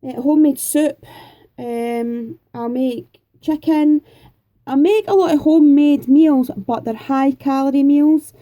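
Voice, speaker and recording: Her voice sits high yet sounds dark, with a steady tone and a slow pace. She is a Scottish woman in her forties answering viewer questions in casual conversation, chatty and homely, rambling slightly and leaning on frequent fillers.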